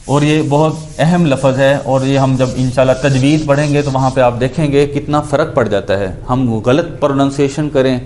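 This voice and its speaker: A man's voice: medium pitch, steady tone, hardly any pauses, darkish tone. A man teaching Quranic Arabic grammar, explaining each word and posing questions he then answers himself. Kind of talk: Urdu lecture on Quranic grammar.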